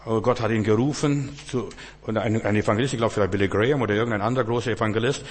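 A man preaching a sermon in church, swinging from hushed low passages to loud, fervent outbursts and often stammering restarts. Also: fairly even intonation, quick pace, husky. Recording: long church hall reverb.

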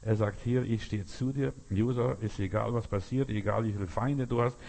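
A man preaching a sermon, speaking emphatically, repeating phrases and slowing down to voice quotations. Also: on the low side, steady tone, gravelly, darkish tone.

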